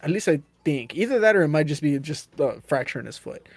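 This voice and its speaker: Chatty man with a fairly high voice. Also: sing-song, fairly quick, darkish tone, slightly rough. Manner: rambling, self-correcting explanations. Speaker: podcast co-host. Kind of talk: casual sports chat.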